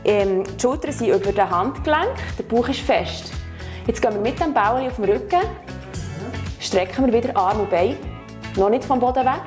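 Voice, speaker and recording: Animated and on the high side, her darkish voice keeps a moderate pace against faint background music. A fitness instructor with a Swiss accent, she patiently encourages a learner through back and stretching exercises step by step, regularly ending with "oder?".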